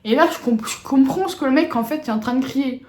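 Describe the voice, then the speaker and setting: Chatty woman with a higher voice. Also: quick pace, darkish tone. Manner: slangy, rambling, chatty. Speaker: vlogger. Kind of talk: casual storytelling. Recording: roomy echo.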